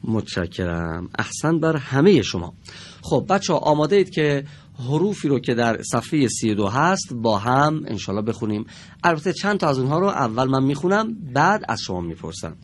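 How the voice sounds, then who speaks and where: A male teacher leads a reading lesson in a TV studio, speaking at a mid pitch. He is patient and draws out each word slowly for the class. A faint noise runs behind his voice. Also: big pitch swings. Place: TV studio with children.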